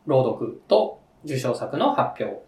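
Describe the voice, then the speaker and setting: Give me a lively, rambling man hosting a casual chat, a little far from the mic. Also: mid-range voice, slow. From Tokyo. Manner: lively, rambling, frequent fillers and laughs. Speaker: host, contest judge. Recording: echoey room, a bit off mic.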